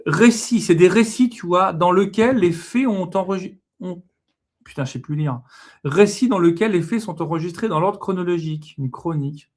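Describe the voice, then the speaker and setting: Joking man, slightly high voice. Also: moderate pace. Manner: playful, self-mocking, swears casually, trails off with fillers. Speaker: co-host of an oracle card reading livestream. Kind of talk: casual joking chat.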